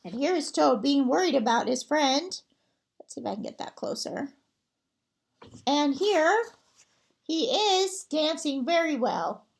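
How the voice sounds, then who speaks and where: A woman librarian reading a picture book aloud to children, gentle and expressive. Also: high voice, unhurried, vocal fry, pauses often.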